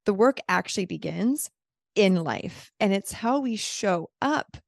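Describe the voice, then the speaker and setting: A woman's voice: medium pitch, lively intonation, measured pace, creaky, no room sound, studio quality. A woman hosting a virtual round table over a video call, talking in a reflective, affirming way with casual fillers. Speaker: host.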